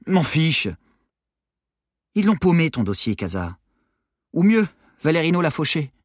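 Man playing a sarcastic teasing young woman, raised pitch, audiobook, dry close mic. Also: big pitch swings, unhurried, no echo.

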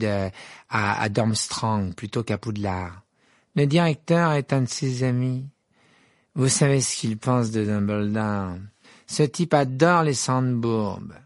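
A snobbish young wizard from a storybook, drawling slowly and sneering, as a male reader voices him. The voice is husky and gravelly, with a dry sound. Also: on the low side, no room sound.

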